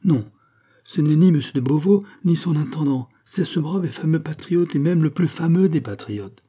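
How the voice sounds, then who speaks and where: A man reading an audiobook, voicing a boisterous peasant farmer who talks in booming exclamations. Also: lively intonation, moderate pace, dark tone. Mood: hearty.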